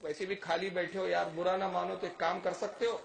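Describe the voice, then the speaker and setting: A man's voice: high-pitched, little pitch movement, reverberant. A man voicing a brusque male grain shopkeeper who scolds and then coaxes. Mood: coaxing. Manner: gruff, scolding, then coaxing.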